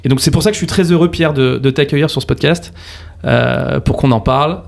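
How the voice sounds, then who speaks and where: A man's voice: medium pitch, fairly quick, creaky. A man hosting a casual podcast interview, chatty and enthusiastic, filling his speech with fillers and slang. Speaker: podcast host, mortgage broker.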